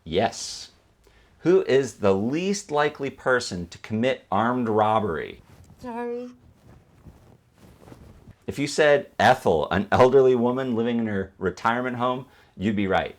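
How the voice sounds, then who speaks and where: A man's voice: medium pitch, animated, moderate pace. A man narrating an instructional video as a teacher, explaining step by step and posing questions that he then answers. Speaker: film editing instructor.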